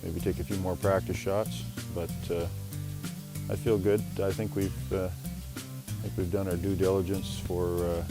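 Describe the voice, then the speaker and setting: A man hunter talking about his preparation in a relaxed way, with many fillers. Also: low-pitched, a little slow, music in the background. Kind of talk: casual interview.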